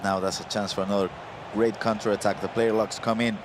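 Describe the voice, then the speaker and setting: A man commentating live on an esports football match, talking fast and getting excited as the play builds. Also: on the low side, background noise. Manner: excitable, rises to shouts at big moments.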